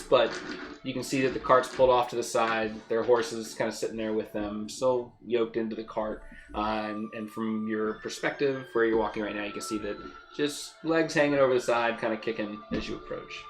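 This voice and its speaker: A woman's voice: very deep voice, fairly even intonation, moderate pace, over music. A woman narrating as game master of a tabletop game, loose and chatty.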